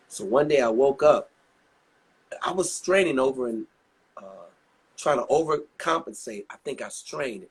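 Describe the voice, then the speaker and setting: A man's voice: medium pitch, breathy edge. A man in his sixties, a singer being interviewed, telling long chatty stories full of asides. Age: 60s. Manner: chatty, rambling anecdotes with many asides. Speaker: guest singer. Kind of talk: casual interview storytelling.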